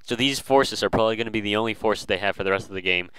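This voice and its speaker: A man's voice: lowish voice, racing, sharp tone, smooth, dry recording, poor audio. A man casually commentating a strategy game, hesitant and full of fillers and restarts.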